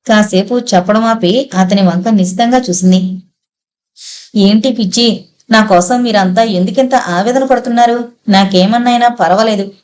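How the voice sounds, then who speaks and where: A woman's voice: mid-range voice, a little mellow, lightly acted. A woman voicing a distraught young woman who raves in bitter outbursts, in an audiobook story.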